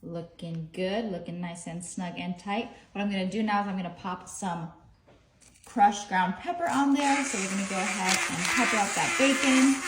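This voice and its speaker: A woman giving an upbeat, chatty step-by-step cooking demonstration in a home kitchen. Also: medium pitch. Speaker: cooking vlogger. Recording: roomy echo, faint noise.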